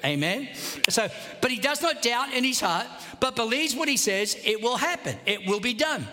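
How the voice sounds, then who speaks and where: A man preaches with a high, bright voice that rings out, leaning hard on every scripture line he reads. His sermon echoes with a long tail through a big church hall. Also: normal speed, slight background noise. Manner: animated preaching, reading scripture aloud with emphasis. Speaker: pastor. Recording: reverberant large hall.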